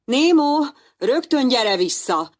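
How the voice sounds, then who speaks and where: A woman's voice: extremely low pitch, fairly even intonation, a little mellow, husky, pitched below the performer's own voice, heavily acted. A woman voicing an anxious, overprotective father clownfish in a storybook reading. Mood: alarmed. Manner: worried, pleading, calling out.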